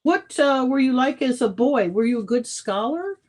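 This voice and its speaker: A woman's voice: high voice, lively intonation, normal speed, a little mellow. A woman interviewing a guest in an effusive, encouraging way. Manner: effusive, encouraging, calls guest her hero. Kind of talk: casual interview talk.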